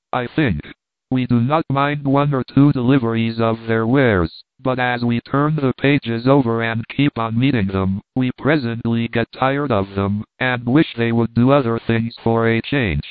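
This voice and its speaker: A man giving an even, wry, unhurried audiobook reading of essays. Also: medium pitch, no echo. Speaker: reader. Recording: dry, tinny phone-like sound.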